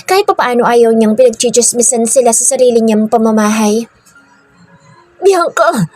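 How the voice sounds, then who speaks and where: A woman narrating a romance audiobook with a steady, even reading. Her voice sits fairly high with a dark, mellow tone, recorded dry and close over faint background music. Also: a little fast, dry recording. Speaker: storyteller.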